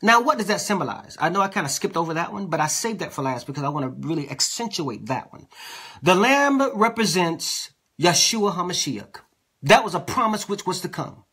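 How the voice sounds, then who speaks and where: Lively, bright-voiced preacher man. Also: sits high, a little fast, husky. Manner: conversational, checks in with the listeners often. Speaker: apostle, preacher. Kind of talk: sermon teaching.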